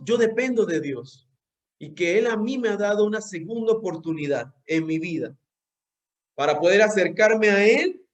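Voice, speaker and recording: A young man preaching a sermon, earnest and direct, often repeating words as he searches for the phrasing. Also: high voice. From Venezuela. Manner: speaks directly to listeners as "usted".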